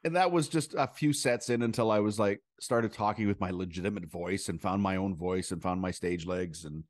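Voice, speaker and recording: A male comedian chatting as a podcast guest, his voice sitting low and recorded dry and close with no room sound. He rambles through stories with quick asides and fillers. The tone is loose and conversational. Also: no echo. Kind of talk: casual conversation.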